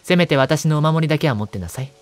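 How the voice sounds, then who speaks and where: A man reading the lines of a concerned young female customer in a horror game, in a soft, caring way. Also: a little high, fast talker, natural voice.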